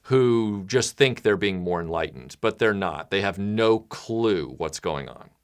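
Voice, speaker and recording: A man speaking bluntly and casually to his supporters, now and then mimicking other people in loud, high voices. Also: animated, a little slow, clear, resonant tone. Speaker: channel creator addressing patrons.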